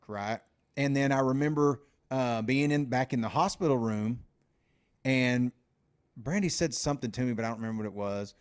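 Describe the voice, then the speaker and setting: Rambling, cursing podcast co-host man. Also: mid-range voice. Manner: loose, profane, lots of fillers and repeats. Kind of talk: casual storytelling chat.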